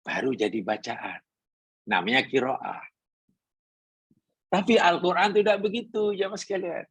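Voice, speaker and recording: A man's voice: sits high, expressive, measured pace, husky, dry recording. A man with a Malaysian Malay accent teaching a Quran class, explaining patiently, repeating his points and asking the congregation questions. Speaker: religious teacher.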